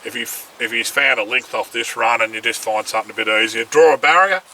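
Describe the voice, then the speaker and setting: A man's voice: mid-range voice, quick pace, creaky, bright, forceful tone, recorded from a distance, slight background noise, rough recording. An Australian man co-hosting a casual chat, giving rambling race reports. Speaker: racing syndicate co-host.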